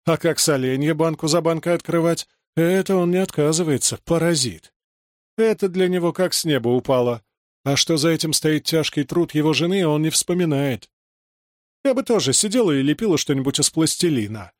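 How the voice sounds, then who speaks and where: A man voicing an overworked village mother who complains bitterly and shouts in panic at her children. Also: expressive, a little fast, no echo, studio quality, natural voice. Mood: grumbling self-pity. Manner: shrill, self-pitying, shouting. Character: harried overworked village mother, shrill and frantic.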